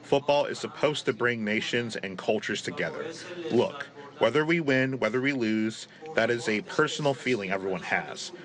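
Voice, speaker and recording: A man, a football coach, giving an earnest, deliberate interview answer. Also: medium pitch, crowd noise.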